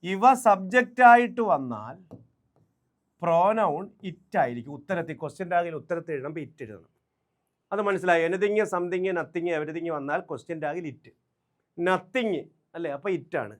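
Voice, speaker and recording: Guy teaching grammar for exams, talks slow, kinda high voice, keeps asking you stuff. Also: lively intonation. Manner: slow, drills examples and quizzes the listener. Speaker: English exam coaching teacher. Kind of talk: exam-prep grammar lesson.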